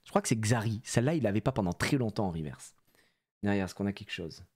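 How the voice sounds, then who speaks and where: A man streaming live as he opens trading cards, excitable, swearing and bantering with his chat. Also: fairly low pitch, quick pace. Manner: excitable, swears, shouts when disappointed; animated, playful banter with chat. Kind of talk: live card-opening stream.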